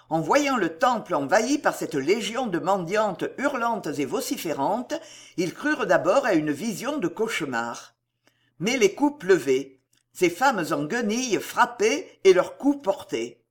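An audiobook narrator who reads with drama and vivid colour, the pitch rising and falling widely from phrase to phrase. The voice sits at a medium pitch and carries the action of the scene. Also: sing-song, a little slow, husky. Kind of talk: scripted narration of a historical adventure novel.

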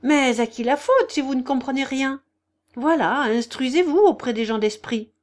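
A woman voicing a sharp older woman friend who retorts almost triumphantly. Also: sits high, moderate pace, pitched above the performer's own voice, close to an everyday voice.

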